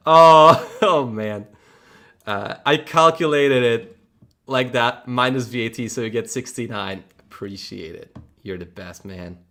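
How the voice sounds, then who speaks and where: A man from Poland hosts a casual livestream, his medium-pitched voice slow, bright and forceful. Polish is his mother tongue and his accent shows, and he rambles and restarts while laughing frequently, chatty and blunt with mild profanity.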